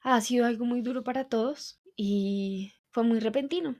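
A woman, hosting a podcast and telling a personal story in a reflective, heartfelt, halting way. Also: a little high, darkish tone. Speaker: podcast host.

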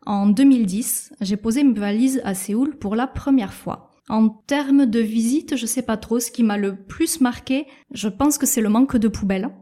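A woman in her thirties co-hosting a casual podcast, explaining things in a measured way with soft hesitations. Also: fairly high pitch. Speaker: podcast co-host.

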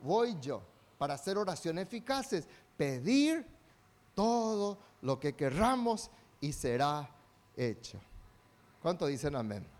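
A man preaching a sermon as pastor, calling out to the congregation for responses and swinging between soft asides and loud exhortation. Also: fairly high pitch, very animated, slow.

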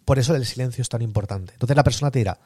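A man's voice: mid-range voice, darkish tone, breathy edge, no room sound, clean studio sound. A man with a Spain Spanish accent, hosting a podcast sales lesson and stressing key points by repeating them. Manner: acts out sales calls in quick bursts. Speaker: sales coach host.

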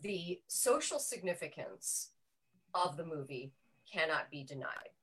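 A woman with a bright, forward voice talks casually about an old film to a small group. She explains background at length, often correcting herself mid-sentence. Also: sits low, big pitch swings, measured pace, slightly rough, low-quality recording. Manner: chatty, explanatory, self-correcting. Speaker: panel member presenting a film pick. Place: small room with a group around one mic.

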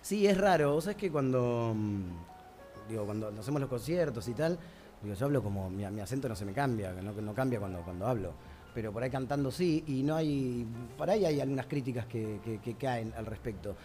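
A man's voice: medium pitch, expressive, brisk, warm tone, soft background music. Argentine male guest, casual, self-deprecating, laughs a lot. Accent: Argentine Spanish. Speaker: guest musician. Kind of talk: casual chat.

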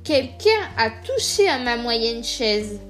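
A woman's voice: high voice, a little slow, soft background music, voice pushed up. A woman voicing a mama bear with a cross, scolding tone in a storybook reading. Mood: irritated.

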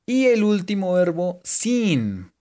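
Animated man teaching English. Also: sits high. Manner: lively and joking, repeats English words slowly. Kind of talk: casual bilingual language lesson.

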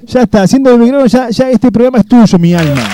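A man's voice: very high voice, quick pace, a crowd in the background, background noise. A man with an Argentine accent hosting a radio call-in show, playful and teasing, calling the caller terms of endearment. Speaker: radio host. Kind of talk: lively radio call-in banter. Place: radio studio.

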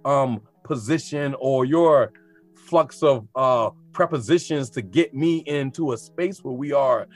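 A man who teaches high school students, talking casually in an interview and reflecting with lively colloquial asides. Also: a little slow, faint music behind.

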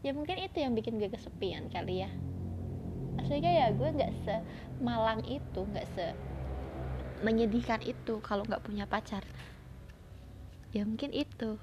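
A woman's voice: a little high, lively intonation, normal speed, pauses often. A young woman rambles reflectively in informal slang, as the host of a casual personal podcast. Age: young adult. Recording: noticeable background noise.

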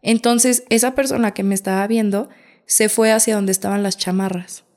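Mexican woman guest, casual storyteller, lively, acts out the voices in her stories. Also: mid-range voice, moderate pace. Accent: Mexican Spanish. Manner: lively, acts out quotes, frequent fillers.

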